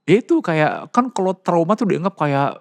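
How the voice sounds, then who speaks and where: A man's voice: fairly high pitch, moderate pace, vocal fry, dry recording. A man, a psychologist guest, telling client stories in casual conversation and animatedly acting out the voices of the people in them. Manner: animated, acts out quoted voices.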